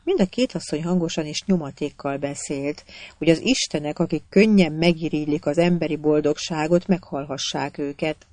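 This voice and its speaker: Measured audiobook storyteller, dry sound. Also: medium pitch, darkish tone, dry recording. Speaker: audiobook narrator. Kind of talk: scripted narration.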